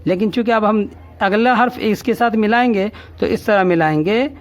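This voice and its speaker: In a classroom-style reading lesson, a man with a high-sitting voice teaches slowly and patiently. He drills every syllable three times over and often asks "ٹھیک ہے؟" to make sure the learner is following.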